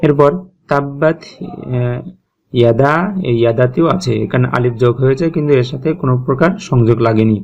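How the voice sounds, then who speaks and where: Male recitation teacher, mid pitch, calm and repetitive, slightly muffled lo-fi recording. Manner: patient, repeats sounds slowly, checks in with "okay?". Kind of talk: step-by-step tajweed lesson.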